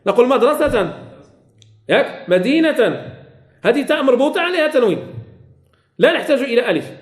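A man's voice: very high voice, very animated, brisk, roomy sound. A man teaching a classroom lesson on Quran recitation rules, repeating key phrases and quizzing his students.

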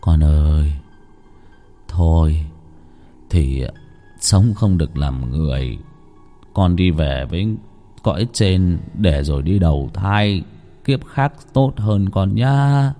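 A man's voice: sits low, lively intonation, slow, pauses often, mellow, faint music behind, pitched below the performer's own voice, heavily acted. Man doing a stammering frightened old villager. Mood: sorrowful prayer. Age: over 60. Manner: stammering, trembling.

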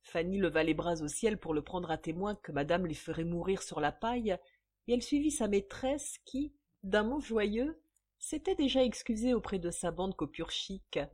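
A woman narrating a novel in a measured, dramatic audiobook style. Her reading is steady and deliberate at a middle pitch. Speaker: reader.

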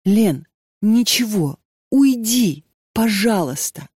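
A woman's voice: mid-range voice, lively intonation, slow, darkish tone, husky, no room sound, clean studio sound, voice pushed up. A woman reading an audiobook and voicing a frightened, defiant young female student who speaks in a strained way. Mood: pleading.

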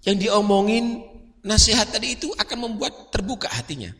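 A man delivers a lively sermon, his pitch leaping up and down as he tells stories and fires rhetorical questions. His voice is bright and rings on with a long hall reverb. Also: normal speed. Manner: animated storytelling, rhetorical questions. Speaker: preacher.

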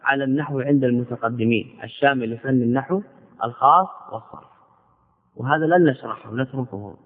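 A man teaching grammar as a sheikh, in a classical lecture style, who repeats key words slowly and asks and answers his own questions. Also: medium pitch. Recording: phone-like audio in a long-reverb hall.

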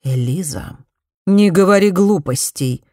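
Woman doing a prim disapproving lady of the house, slow and stern, storybook reading, dry. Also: on the low side, animated, warm tone, no room sound. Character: stern aristocratic middle-aged mother, prim and disapproving.

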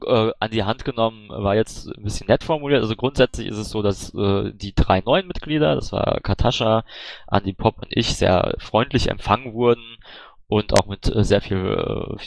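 Low gravelly man, halting. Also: no echo. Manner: hesitant, many fillers and restarts. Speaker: candidate for party board. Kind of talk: online Q&A, casual spoken answers.

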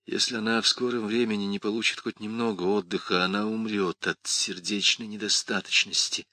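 A man voices an exhausted, worried priest speaking in a quiet, flat, weary tone. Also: lowish voice, fairly quick, dry recording.

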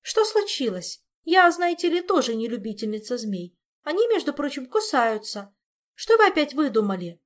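A woman's voice: high voice, very animated, normal speed, pitched above the performer's own voice. A woman reading an audiobook, voicing a bewildered young woman who cries out in agitated dismay.

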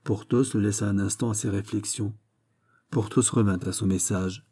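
Brief: male audiobook narrator, measured and low-key, very dark mellow voice. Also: steady tone, breathy edge.

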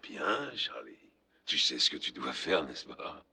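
An actor playing a male scientist giving hushed instructions in a film. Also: very deep voice, sing-song, slow, gravelly, a little hiss or hum, heavily acted.

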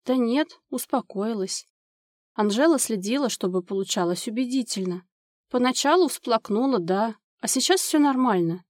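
A woman narrating an audiobook in a calm, even storytelling manner on a close mic. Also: a little high, moderate pace, no room sound.

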